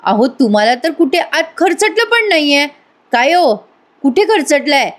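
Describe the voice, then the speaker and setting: Woman reading a measured male doctor, slightly high voice, unhurried questions. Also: sing-song. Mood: calm. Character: calm male doctor, coolly exposing a fake injury.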